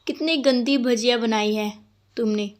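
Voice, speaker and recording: Cranky old mother-in-law, shrill and scolding, put on by a woman. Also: measured pace, lightly acted. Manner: nagging, shouting complaints.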